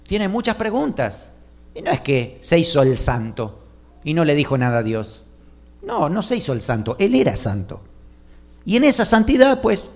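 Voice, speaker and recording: A man preaching a sermon to a congregation. He shifts between loud, emphatic lines and soft, hushed asides, and asks the listeners questions. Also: on the high side. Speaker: pastor.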